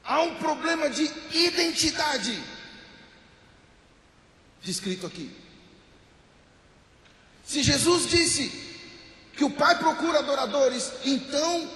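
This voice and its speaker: A man's voice: extremely high pitch, animated, takes it slowly, long pauses, bright, forceful tone. A Brazilian man preaching a church sermon in emphatic, repetitive short phrases, with sound like an echoing bathroom. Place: church hall, amplified to a congregation. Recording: echoing bathroom-like sound, long hall reverb.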